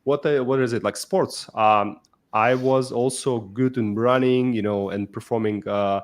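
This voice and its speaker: This startup founder, a man from Russia with a Russian accent, talks through his life story as a guest in a casual podcast interview. He speaks a little slowly in a steady, medium-pitched voice, with many fillers and restarts.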